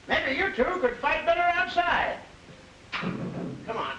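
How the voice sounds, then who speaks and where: An actor playing a gruff, bossy small-town policeman in a 1930s film, blustering and using tough-guy slang. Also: extremely high pitch, very animated, slow, pushed and bright, exaggerated voice, low-quality recording. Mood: scolding. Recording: old film soundtrack with hiss.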